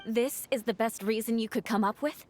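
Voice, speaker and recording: A woman's voice: fairly high pitch, moderate pace, darkish tone, slight background noise, lightly acted. An actress playing a proud, cool young noblewoman fighter who speaks in a dry, cutting tone, in game voice acting.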